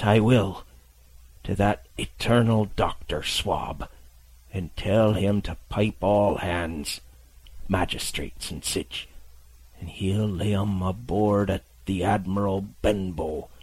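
A gruff old sea captain on his deathbed, as a man puts him on, low and husky, dragging out his words in a faint murmur that sometimes drops to a whisper. His rough sailor's speech comes through a dry, close recording. It sounds like a storybook reading. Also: dry recording, full character voice. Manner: slow, murmuring, at times whispered. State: weak and faint.

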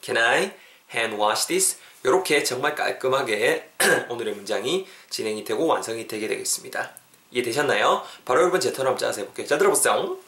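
A man teaching a language lesson in an easy, encouraging way, repeating phrases slowly so listeners can follow. His voice sits at a middle pitch and carries a roomy echo around it. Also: expressive, bright, forceful tone. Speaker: English teacher.

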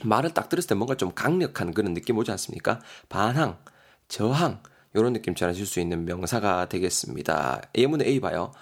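A man with a Gyeongsang Korean accent giving a chatty podcast English lesson, explaining words slowly and spelling them out. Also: lowish voice, animated, vocal fry. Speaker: English teacher.

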